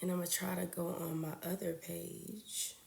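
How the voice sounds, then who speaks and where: A woman's voice: lowish voice, level tone, moderate pace, gravelly, darkish tone, reverberant. A woman, a registered nurse hosting a casual livestream, greeting viewers by name and a little congested from a cold.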